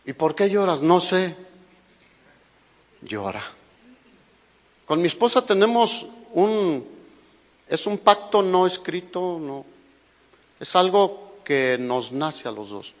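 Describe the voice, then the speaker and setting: A man's voice: sits high, big pitch swings, takes it slowly, pauses often. A man with a Mexican Spanish accent preaching a sermon as a pastor, emphatic and full of rhetorical questions to his listeners. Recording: echoey hall recording.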